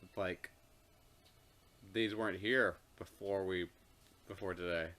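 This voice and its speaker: A man's voice: deep voice, steady tone, a little slow, sharp tone. A man co-hosting a game playthrough, reading the game's narration aloud and chatting. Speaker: let's play co-host.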